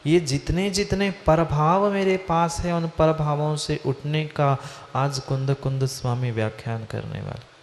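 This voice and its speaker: A man's voice: on the high side, a little slow, gravelly, a little hiss or hum. A man, a monk, giving a Hindi-language religious discourse, asking his listeners questions and repeating phrases for emphasis. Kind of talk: sermon. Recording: hall reverb with faint ambience.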